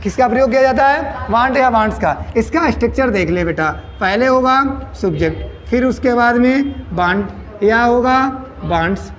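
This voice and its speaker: A man's voice: very high-pitched, animated, moderate pace, hardly any pauses, fairly bright tone, a little hiss or hum. A man teaching English grammar to a class, repeating each question back to his students. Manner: repeats questions to students, addresses them as beta. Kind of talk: classroom lesson in Hindi. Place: coaching classroom.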